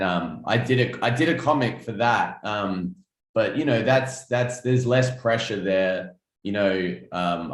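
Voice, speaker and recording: A man in his twenties from South Australia, with an Australian accent, speaks in a low voice with a reverberant sound. He's a guest artist chatting casually in an interview, laid-back and full of ums and restarts.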